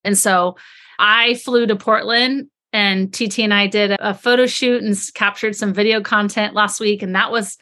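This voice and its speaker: A woman's voice: on the high side, sharp tone. A woman co-hosting a podcast, talking earnestly and reflectively without a script. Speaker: podcast co-host. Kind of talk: unscripted podcast talk.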